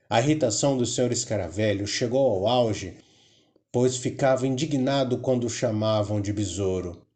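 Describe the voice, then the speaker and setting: A man with a Brazilian Portuguese accent reading a children's storybook aloud, calm and even, with mild voices for the characters. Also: on the low side. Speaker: audiobook narrator.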